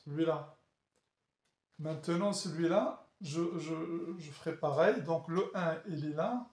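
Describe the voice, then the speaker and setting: A man teaching chemistry in a classroom lecture, talking haltingly with many fillers and restarts and often checking that the class follows. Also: fairly high pitch, darkish tone. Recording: echoey room.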